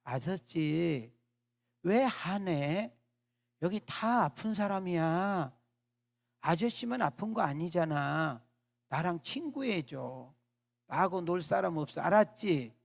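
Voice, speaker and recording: A man voicing a chatty, innocent nine-year-old girl in a sermon story, talking slowly in a coaxing, sing-song way. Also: high-pitched, lively intonation, gravelly, heavily acted. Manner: coaxing, slow, sing-song childish talk.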